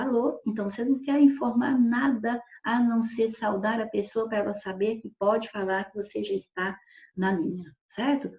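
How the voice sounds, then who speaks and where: A woman's voice: mid-range voice, mellow. A woman teacher giving a recorded grammar lesson, patiently explaining through spoken examples and often checking in with her students. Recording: echoey room, dull lo-fi sound.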